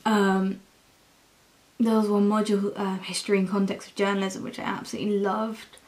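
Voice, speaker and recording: A young adult woman with an English accent, talking casually and candidly in a halting, confessional vlog style. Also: medium pitch, level tone, darkish tone. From England. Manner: slow, halting, candid, with frequent swearing. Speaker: university student vlogger.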